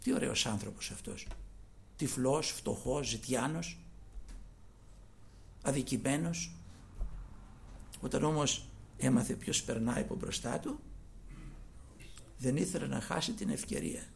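Guy preaching a sermon, gravelly voice, goes from real quiet to loud and fired up, bit of background hiss. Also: mid-range voice, long pauses. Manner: swings from hushed murmurs to loud fervent exhortation.

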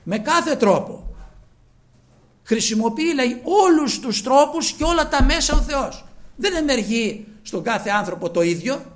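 Passionately preaching, a man with an extremely high, expressive voice addresses his listeners as brothers. He shifts from loud emphasis down to near whispers.

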